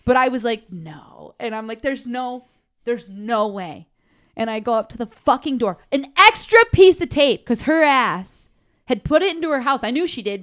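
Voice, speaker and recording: A woman's voice: on the high side, fairly bright tone. A young woman co-hosting a podcast, telling a story in a heated, profane, casual way. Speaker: podcast co-host. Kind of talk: casual chat.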